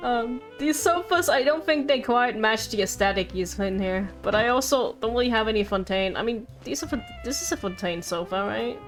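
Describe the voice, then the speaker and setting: A woman whose voice is on the high side speaks at normal speed with hardly any pauses while livestreaming a game. She keeps up a casual, playful, rambling chat with viewers and herself as game music plays.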